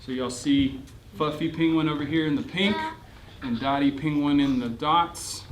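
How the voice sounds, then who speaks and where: Over crowd noise, a fairly high-pitched man at a normal pace gives an animated storybook reading to a group of children, playfully and theatrically asking them questions. He hosts a church kids' ministry and tells stories to children; the room is noisy and echoey, with clicks.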